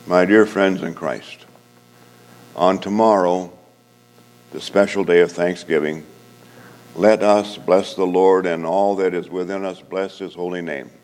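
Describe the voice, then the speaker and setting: A man preaching as a pastor and giving a benediction into a pulpit microphone, with measured, solemn liturgical delivery. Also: low-pitched, fairly even intonation, darkish tone. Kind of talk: sermon and benediction. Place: church sanctuary. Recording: long church hall reverb.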